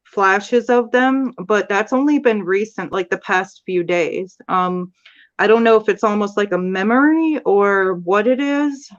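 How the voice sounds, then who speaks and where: A woman's voice: medium pitch, unhurried, highs cut off. A woman guest in a casual live-stream chat, speaking hesitantly with many fillers and trailing off.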